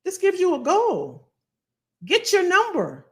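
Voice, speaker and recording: A woman hosting a casual livestream as a financial coach, animated and colloquial, repeating phrases for emphasis. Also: very high-pitched, takes it slowly. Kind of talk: casual livestream talk to viewers.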